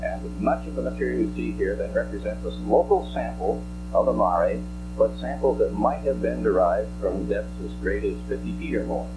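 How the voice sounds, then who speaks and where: Low-voiced man giving a scientific slide lecture. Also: normal speed, music in the background, rough recording. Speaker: scientist presenting slides at a press briefing. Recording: archival press-conference audio with hum.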